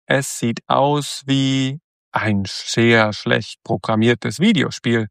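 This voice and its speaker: A man's voice: medium pitch, fairly even intonation, slow pace, vocal fry, fairly bright tone, clean tone, no room sound. A man voicing a clumsy, sarcastic male robot sidekick who grumbles dry wisecracks. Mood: cocky.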